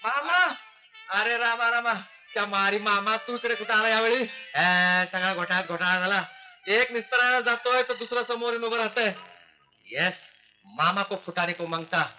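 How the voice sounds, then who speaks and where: An actor playing a cheeky young graduate posing as a servant, joking and wheedling. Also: male voice, sits high, normal speed, bright, forceful tone, soft background music. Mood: jokey. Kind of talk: 1970s film comedy acting.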